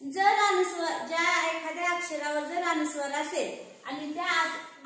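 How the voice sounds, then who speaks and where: A woman teaching a class, drawing words out slowly, repeating them and quizzing her students. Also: extremely high pitch, a bit bright. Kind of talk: classroom lesson on reading and writing. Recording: very echoey room.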